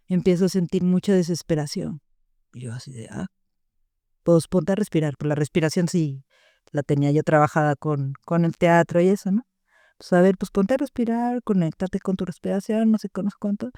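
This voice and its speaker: Animated woman, warm mellow voice. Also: fairly low pitch, no echo, studio quality. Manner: animated, acts out quoted dialogue. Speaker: therapist guest. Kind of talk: casual storytelling.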